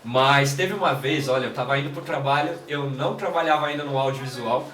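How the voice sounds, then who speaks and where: A man's voice: medium pitch, a little fast. São Paulo man telling stories in an echoey room. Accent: São Paulo Portuguese. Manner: relaxed storytelling with many "né" fillers. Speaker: guest, creative director and videomaker. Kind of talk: casual interview conversation. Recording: echoey room, distant mic, faint noise.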